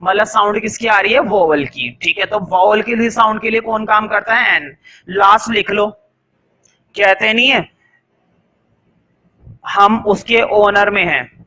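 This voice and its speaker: A man teaching a grammar lesson in a classroom, with a high, bright voice. He keeps putting questions to the class and answering them himself in a lively, coaxing way. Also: a little slow, pauses often, poor audio. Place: classroom with a board.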